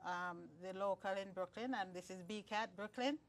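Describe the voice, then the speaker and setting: A woman's voice: medium pitch, moderate pace. Jamaican-born woman explaining at a distance. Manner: earnest, explanatory, with frequent restarts. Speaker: interview guest. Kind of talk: conversational interview. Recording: distant mic, dry sound.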